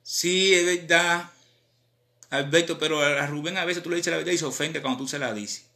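A man with a Cuban accent, a rapper chatting casually on a live stream in animated, slang-filled talk. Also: a little high, normal speed. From Cuba.

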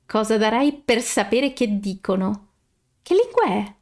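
A bold young woman with a taunting, mischievous edge, put on by a woman reading aloud. Her voice sits high and her teasing runs through every line of this audiobook scene. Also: big pitch swings, unhurried, darkish tone.

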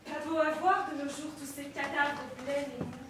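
A woman's voice: high voice, fairly even intonation, moderate pace. A woman playing a despairing young male soldier back from the war, bitter and accusing on a stage. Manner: bitter, accusing, bursts into shouts. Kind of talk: stage play performance. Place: theatre stage. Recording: echoey hall, mic far off, faint noise.

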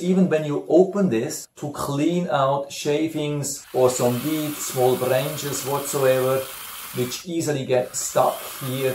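A man's voice: medium pitch, darkish tone. A middle-aged man explaining and demonstrating a product in a casual review to camera, seated at a desk indoors. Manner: explanatory, demonstrating a tool while talking. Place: small indoor room at a desk. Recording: echoey small room.

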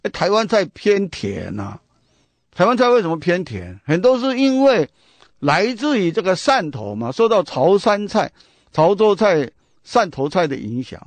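A man's voice: sits high, very animated, measured pace, no echo. A man with a Taiwanese Mandarin accent, hosting a radio book talk, chatty and full of rhetorical questions and storytelling. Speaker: radio host.

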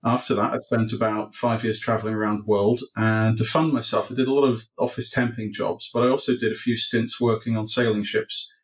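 On a rough-sounding webcam recording, a middle-aged Welshman answers interview questions from his indoor home office lined with bookshelves. A developer advocate, he speaks a little fast in a lowish, flat voice with few pauses, hesitating often with ums and restarts.

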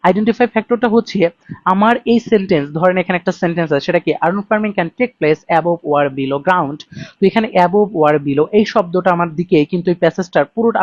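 A man talks quickly through an IELTS reading strategy, walking through each step and pausing to ask himself questions before answering them. The sound is dry and close, with a dull, slightly muffled tone. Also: sits high, no room sound. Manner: explains step by step, often asking and answering his own questions; reads English sentences slowly and deliberately. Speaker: IELTS tutor. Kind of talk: screen-recorded exam lesson.

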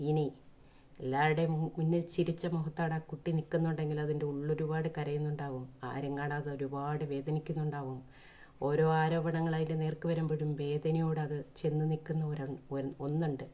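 A woman with a low, mellow voice speaks in an earnest, pleading monologue. She is from Kerala and drives her points home with one rhetorical question after another. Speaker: vlogger. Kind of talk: impassioned opinion monologue.

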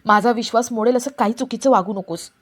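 A woman's voice: fairly high pitch, fast, husky. A woman voicing an earnest young man who pleads with his mother.

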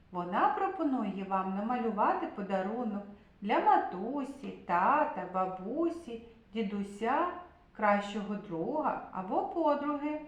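A woman teaching a literacy lesson to young children, sounding out syllables slowly and gently encouraging them. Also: fairly high pitch, reverberant. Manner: slow, deliberate, drawn-out syllables. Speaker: kindergarten teacher.

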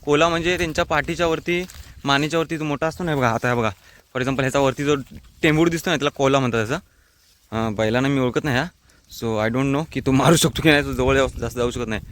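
A man's voice: mid-range voice, fast talker, a bit bright, a little hiss or hum. A young man from the Konkan, chatting to viewers as he walks through the countryside with his phone camera. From Konkan, India. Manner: chatty, mixes English words, talks to viewers directly. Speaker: vlogger. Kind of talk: casual walking vlog narration. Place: outdoors in forest and fields.

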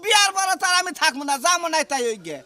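A man with a rural Bangladeshi accent coaxes and advises in a comic village skit. His voice is very high and bright. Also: very animated, quick pace. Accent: rural Bangladeshi Bengali.

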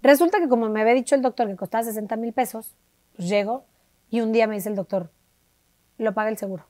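A Mexican woman, an interview guest, telling a personal story in a lively way and acting out the voices of the people she quotes. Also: fairly high pitch, quick pace. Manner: animated, acts out quoted dialogue with shifting voices. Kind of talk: conversational storytelling.

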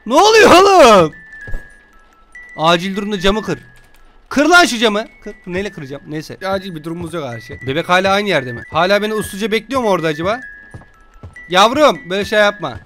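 A young man giving joking, casual let's-play commentary, scolding and teasing a game baby with rough slang. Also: high-pitched, animated, fast talker, bright, forceful tone, soft background music. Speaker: gaming streamer.

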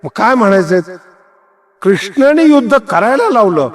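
A man giving a devotional kirtan discourse, telling anecdotes and acting out dialogue with wide swings of tone. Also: moderate pace. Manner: animated, acts out dialogue, swings pitch widely, chuckles. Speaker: kirtan preacher. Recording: long hall reverb.

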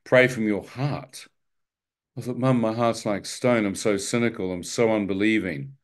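A man's voice: lowish voice, moderate pace. A man telling his testimony to a church audience, acting out his thoughts and prayers with wry, joking asides. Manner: animated storyteller who acts out his own thoughts and prayers. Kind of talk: testimony sermon.

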